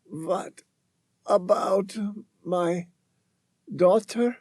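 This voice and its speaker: A man voicing a desperate woman scientist trapped in the ice and dying, speaking in halting, pleading phrases in an audiobook. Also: sits high, a little mellow, no echo, studio quality, voice pushed up, full character voice. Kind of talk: audiobook narration.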